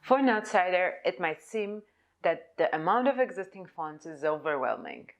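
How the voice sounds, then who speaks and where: A young Polish woman, speaking English in a slightly low voice, gives a prepared conference talk on her own type design. She sounds measured and deliberate, as though reading from notes, yet very animated.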